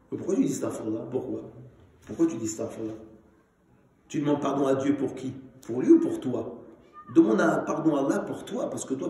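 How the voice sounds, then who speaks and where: A man's voice: a little high, darkish tone. A man giving a religious lecture to an audience, preaching with rhetorical questions and insistent repetition. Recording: very echoey hall.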